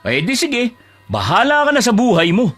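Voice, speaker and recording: A man's voice: extremely high pitch, wildly swooping pitch, normal speed, fairly bright tone, husky, faint music behind, full character voice. A man playing a weary fish-vendor husband. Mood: exasperated. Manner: respectful with elders, exasperated with wife.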